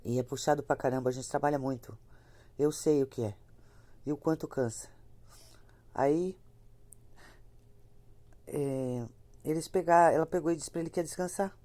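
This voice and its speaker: A woman's voice: low-pitched, moderate pace, pauses often, dark tone, dry recording. A woman with a slight cold, telling a horror story in a chatty, repetitive way and talking straight to her listeners. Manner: chatty, repeats herself, talks to listeners directly. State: has a cold, slightly congested. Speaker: storyteller of ghost stories. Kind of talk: casual spoken horror storytelling.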